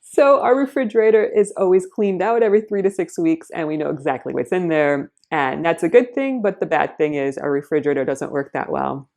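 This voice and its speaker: Female vlogger, slightly low voice, earnest casual narration that explains things step by step. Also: a little fast, gravelly, hardly any pauses, darkish tone.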